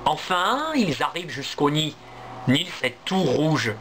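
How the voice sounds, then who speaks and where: A man, a language teacher, reading a story aloud for learners in a clear, deliberate, expressive way. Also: on the high side, slight background noise.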